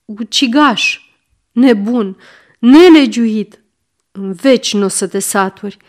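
A woman's voice: fairly high pitch, natural voice. A woman voicing a sick old male miser, querulous and snapping commands. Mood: frantic.

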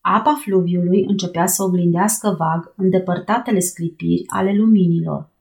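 A woman's voice: on the low side, creaky. Woman reading an adventure audiobook. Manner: lively, raising her voice for shouted lines. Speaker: narrator. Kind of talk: audiobook reading with voiced dialogue.

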